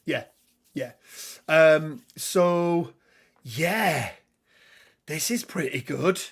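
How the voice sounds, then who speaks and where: A podcast host with a fairly high, breathy voice speaks very slowly in a casual tabletop game talk. He rambles and laughs while reading card text, his voice a little worn as he's slightly losing it.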